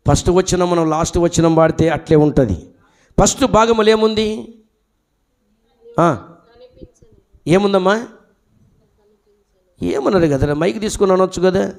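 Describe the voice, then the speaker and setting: A high-voiced male pastor preaches in a church. He talks in an animated way, calls out questions and waits for the congregation to reply. His voice goes through a handheld mic. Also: vocal fry. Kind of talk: sermon.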